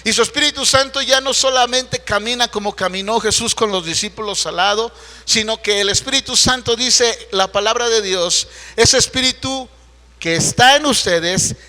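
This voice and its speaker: A man's voice: high voice, fairly even intonation, normal speed, few pauses, sharp tone, big-room sound. A man, a pastor preaching a Sunday sermon in a conversational, storytelling way full of rhetorical questions, heard in a church. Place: church sanctuary.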